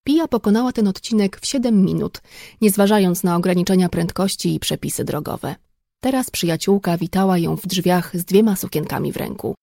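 A woman reading an audiobook in steady, even scripted narration. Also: fairly low pitch, fairly quick, creaky, no room sound, studio quality.

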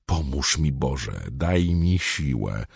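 Gravelly fervent old priest guy, defiant to the end, man reading it, deep voice. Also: expressive, slow, no echo, studio quality, heavily acted. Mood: prayerful. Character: doomed aging male priest, fervent and defiant.

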